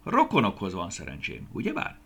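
A man's voice: deep voice, wildly swooping pitch, gravelly, fairly bright tone, breathy edge, exaggerated voice. A man voicing a curious, touchy little boy cherry in a children's storybook reading. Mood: cheeky. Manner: eager, proud, a bit touchy.

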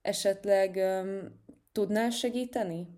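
A woman's voice: mid-range voice, dark tone, lightly acted. A woman voicing a good-natured, slightly boastful plump boy cat in a children's storybook. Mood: cheerful. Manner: cheerful, a bit boastful.

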